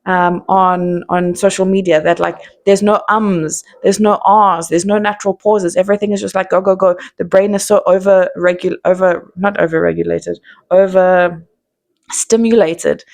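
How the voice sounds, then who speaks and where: A South African woman in her thirties muses candidly to camera in an unscripted, reflective vlog, full of ums and restarts. Her voice is lowish, creaky and darkish in tone, with a flat delivery at a moderate pace.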